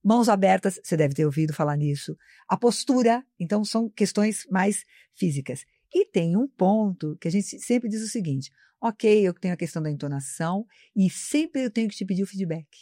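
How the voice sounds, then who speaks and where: A woman's voice: mid-range voice, lively intonation, moderate pace, warm tone, no echo. Woman explaining communication tips, dry sound. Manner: didactic, explanatory, addresses host by name. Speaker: marketing professor, guest. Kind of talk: live interview talk. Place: studio, live broadcast.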